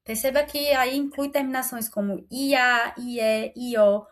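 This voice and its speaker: Young female teacher, slightly high voice, patient, checks in with "right?" often. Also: fairly even intonation. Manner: patient, repeats "né?" and "certo?" to check in with viewers; stretches out key words slowly for emphasis. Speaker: Portuguese teacher on a video channel. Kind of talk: explaining grammar rules over slides.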